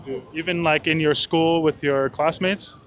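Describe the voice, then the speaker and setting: A man's voice: fairly high pitch, steady tone, moderate pace, a bit bright. A man hosting a vlog, asking passers-by questions in a casual, upbeat way. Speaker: host. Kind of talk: street interviewing.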